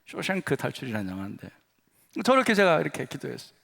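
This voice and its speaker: A middle-aged man, senior pastor, preaching a sermon as animated storytelling in a church sanctuary. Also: medium pitch, quick pace, creaky. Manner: animated storytelling, acts out dialogue. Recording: reverberant church hall.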